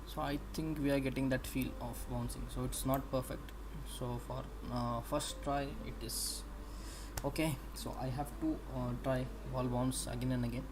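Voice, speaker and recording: A young man with an Indian English accent talks through his work in a casual livestream, pausing often as he explains. His pitch barely moves. A steady noise runs under the recording. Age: young adult. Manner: halting, explains while working, many pauses. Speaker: animation student streaming practice. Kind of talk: casual think-aloud livestream.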